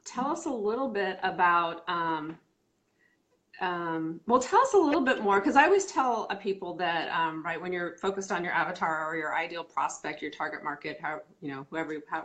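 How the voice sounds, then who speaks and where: A woman's voice: fairly low pitch, fairly bright tone. A middle-aged woman hosting a casual live stream, chatty, with many fillers and restarts. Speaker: host.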